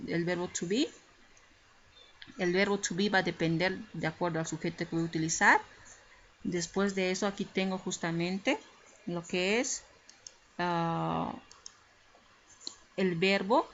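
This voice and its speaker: Profesora de voz grave, grabación opaca. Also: female voice, fairly low pitch. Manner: patient, explains step by step with checking tags. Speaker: English teacher. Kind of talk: recorded grammar lesson over slides. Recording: slightly muffled lo-fi recording with faint hiss.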